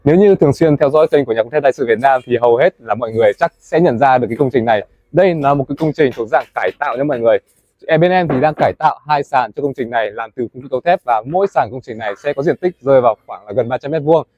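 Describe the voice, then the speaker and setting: Fast-talking young man touring a site. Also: mid-range voice, a little mellow, dry recording, lo-fi sound. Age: young adult. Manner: fast, chatty, addresses viewers as "mọi người". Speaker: company presenter touring a build site. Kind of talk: presenter-led site tour. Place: indoors in a large wooden café under construction. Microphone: lapel mic.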